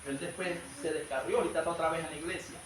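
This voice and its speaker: A man's voice: a little high, steady tone, rapid-fire. A man preaching a sermon at a church service, fervently addressing his listeners as brothers. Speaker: evangelist preacher. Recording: echoey hall, distant mic, faint noise.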